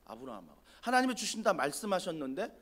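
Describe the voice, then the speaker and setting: A man's voice: sits high, very animated, fast, a bit bright. A man preaching a sermon as a pastor, asking rhetorical questions and acting out quoted prayers. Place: church sanctuary.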